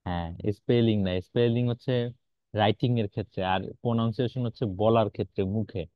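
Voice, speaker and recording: Speaking quickly with fairly even intonation, a low-voiced grammar teacher leads an online class, patiently explaining and asking students questions while slipping in English words. The recording is dry, dull and lo-fi.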